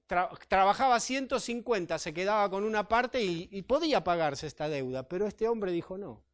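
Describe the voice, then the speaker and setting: A pastor preaches in church, his voice sitting fairly high for a man. He reads scripture aloud and explains it in an easy, conversational manner, often checking in with his congregation. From Chile. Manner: conversational, with tag questions to the congregation. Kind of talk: sermon.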